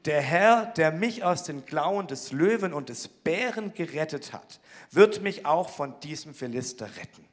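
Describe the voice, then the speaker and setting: A man voicing a young shepherd boy, speaking earnestly and declaiming slowly. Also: a little high, expressive. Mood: defiant.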